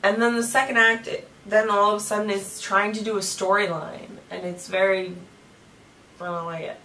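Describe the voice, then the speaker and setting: A woman's voice: medium pitch, flat delivery, moderate pace, bright, forceful tone, a little hiss or hum. Young woman co-host, effusive fan, casual chatter, caught from a distance in an echoey room. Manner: gushing, effusive. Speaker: co-host reviewing theater. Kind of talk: casual chat. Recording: roomy room sound from a distant mic.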